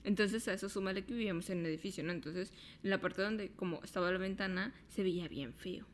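A woman with a Mexican accent who co-hosts a casual chat. She keeps it relaxed and reacts with short fillers. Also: medium pitch, quick pace, a little hiss or hum. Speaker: co-host.

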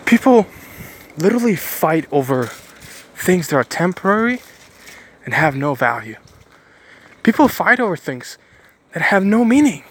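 Emphatic man with a higher voice. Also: big pitch swings, unhurried, pauses often, breathy edge. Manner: emphatic, repeats phrases for stress; rambling with frequent restarts. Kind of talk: preachy motivational monologue.

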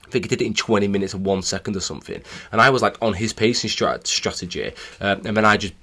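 A man's voice: on the low side, quick pace. A man, a cycling coach telling stories animatedly on a solo podcast. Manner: animated storytelling, acting out remembered exchanges.

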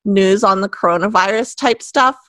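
A woman's voice: mid-range voice, fairly bright tone, no room sound. Woman podcast co-host, chatty, laughs a lot, dry close sound. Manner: giggly, chatty, quick asides. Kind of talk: casual podcast chat.

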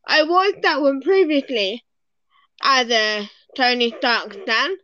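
A woman co-hosting a podcast in casual chat, excitable and fangirling, swearing freely. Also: sits high, slow pace, highs cut off. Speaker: podcast co-host.

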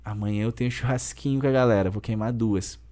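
Low-voiced and fast-talking, a man in his thirties guests on a podcast, his Gaúcho accent marking him as from southern Brazil. The personal trainer speaks in a lively, emphatic, slangy way and keeps saying "velho."

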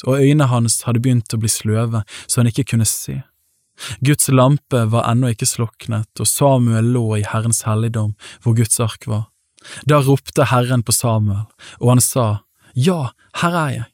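Male scripture reader, measured delivery, dry close mic. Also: mid-range voice, no echo. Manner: measured, even-paced reading with lightly voiced quotes. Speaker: Bible reader. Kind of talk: scripture reading.

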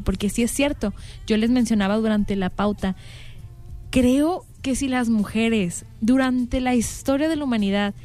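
A woman's voice: on the high side, dark tone. A young woman with a Mexican accent, co-hosting a casual panel chat and thinking aloud with frequent fillers. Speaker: podcast co-host.

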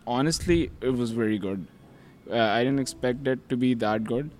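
A man's voice: mid-range voice, normal speed, darkish tone. A man answering casually as an interview guest. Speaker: interview guest, fight league organiser. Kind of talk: casual chat. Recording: faint background noise.

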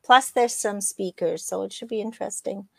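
A woman's voice: medium pitch, normal speed, vocal fry, fairly bright tone, slightly rough, no echo. A middle-aged woman, chatting casually as a co-host and running through event schedules. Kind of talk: casual chat.

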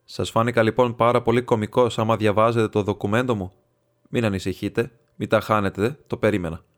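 A man's voice: lowish voice, fairly even intonation, lightly acted. A man voicing a proud, scornful nobleman who makes a bitter, mocking confession. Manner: mocking and defiant.

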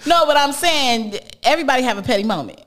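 A woman hosting a podcast in sassy, casual banter, quick to laugh and giving relationship advice. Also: sits high, expressive, a bit bright. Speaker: host.

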